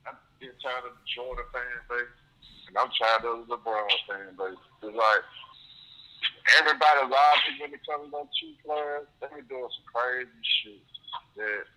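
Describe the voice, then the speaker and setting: A man's voice: mid-range voice, pushed and bright. A man calling in to a show over a crackling, distorted phone line, talking bluntly and with profanity. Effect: crackling, distorted phone-line mic. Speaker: caller. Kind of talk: casual call-in opinion.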